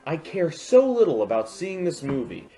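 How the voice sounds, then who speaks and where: A man with a slightly high, very animated voice speaks at a normal speed, hosting an informal, comedic film review as a video reviewer. He is sarcastic and exaggerates for comic effect, and the recording has a roomy echo beneath music.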